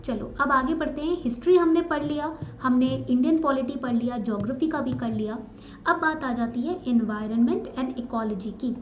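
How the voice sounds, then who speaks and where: Woman, exam prep teacher, bilingual lesson, high pitch, roomy echo, faint hiss. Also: moderate pace, highs cut off. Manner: mixes Hindi and English, repeats points in English, frequent checking fillers. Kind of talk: online exam strategy lesson.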